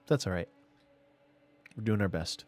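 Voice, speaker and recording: A man's voice: low-pitched, unhurried, darkish tone, soft background music. A man streaming a strategy game live, thinking aloud and chatting casually to himself and viewers. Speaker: gaming streamer. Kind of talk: casual live gameplay commentary.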